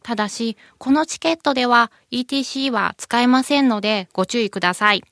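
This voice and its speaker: A woman's voice: fairly high pitch, fairly quick, a bit bright, dry recording, studio quality. A woman guest with a cute, moe anime-girl voice, politely presenting scripted information as a company representative. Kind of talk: scripted informational interview segment.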